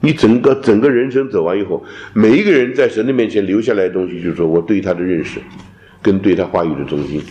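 Man, theology class lecture, mellow low voice, roomy classroom echo. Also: fast talker, highs cut off. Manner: animated lecturing, mixes in English terms. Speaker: theology teacher.

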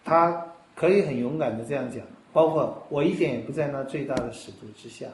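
A pastor giving a sermon in a conversational way, explaining step by step and asking rhetorical questions. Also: male voice, medium pitch, brisk, darkish tone, roomy sound, a little hiss or hum, low-quality recording.

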